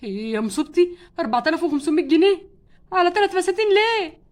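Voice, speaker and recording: Husband doll, stingy, grumbling, Egyptian Arabic accent, high voice, very fast talk, doll play story. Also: female voice, sing-song, darkish tone. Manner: complaining, exasperated about money.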